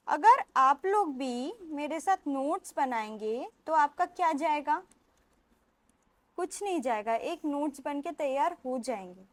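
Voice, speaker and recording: A young woman gives an exam revision lecture in a high voice. She talks slowly and playfully and has students chant lists back to her. Her voice is close and dry, with no room sound. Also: dry recording. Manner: chatty, playful, drills the class in call-and-response. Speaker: teacher.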